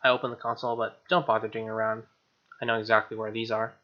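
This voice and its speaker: This let's play host, a young man, reads game text fast in a lowish voice with little pitch movement, tossing in irreverent slang. The dull lo-fi recording carries game music with guitar in the background.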